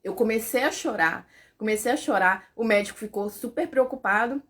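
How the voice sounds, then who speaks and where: A young adult woman telling a personal story in a vlog, emotional and animated, with lots of fillers. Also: fairly high pitch, moderate pace. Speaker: vlogger.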